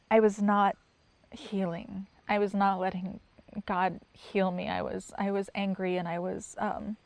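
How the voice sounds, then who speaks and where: A middle-aged woman recounting a painful personal experience in a halting, emotional way, with pauses and restarts. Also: medium pitch, dry recording. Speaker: interviewee telling her story. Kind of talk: personal testimony.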